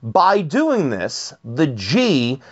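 Fairly high-voiced man teaching singing slowly. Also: huge pitch swings, lo-fi sound. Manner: explanatory, with frequent uh fillers and repeated words. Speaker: vocal pedagogy teacher. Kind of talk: spoken workshop lesson.

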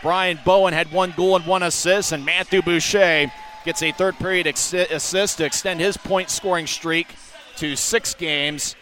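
Man, rapid hockey play-by-play, excitable announcer, bright forceful tone, noisy background. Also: sits high. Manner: excited, breaking into shouts on goals.

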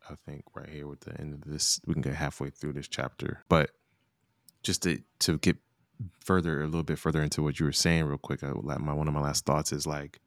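A man's voice: very deep voice, dry recording, clean studio sound. A man in his late thirties chatting casually about scripture, laid-back and slangy, laughing often. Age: 30s. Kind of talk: casual Bible study chat.

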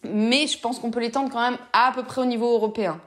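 A woman from France speaks to her viewers in an earnest, impassioned monologue, with a fairly high voice. She addresses them directly and with conviction. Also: steady tone, brisk. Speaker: vlogger speaking about neurodiversity. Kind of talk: reflective monologue to camera.

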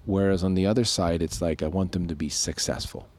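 A Swiss man co-hosts a casual podcast, talking through ideas loosely and reflectively with many restarts. His voice is low, brisk and somewhat dark in tone.

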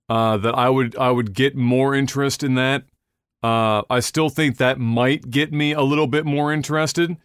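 A man's voice: mid-range voice, smooth, dry recording, studio quality. A man hosting a casual gaming podcast, rambling through news with restarts and casual swearing. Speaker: podcast host.

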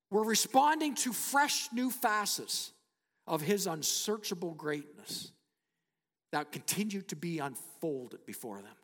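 A middle-aged man preaching a sermon, slowing down and dropping to a hushed near-whisper for emphasis. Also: fairly high pitch, in a large hall. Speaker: pastor.

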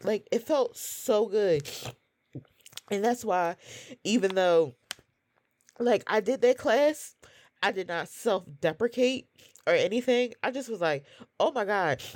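A woman's voice: mid-range voice, lively intonation, takes it slowly, long pauses, darkish tone, dry recording. A woman in her thirties on a podcast, talking in a casual, earnest, confessional way with many "like" fillers. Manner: heavy use of "like" fillers, earnest and open. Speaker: podcast co-host.

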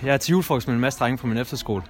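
Young man rambling through a story. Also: mid-range voice. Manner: rambling, many fillers and restarts. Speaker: guest storyteller. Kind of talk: casual anecdote.

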